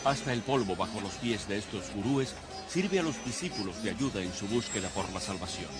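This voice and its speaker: A man narrating a documentary in a measured, solemn scripted voice-over. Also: on the low side, lively intonation. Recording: studio voice-over over loud music.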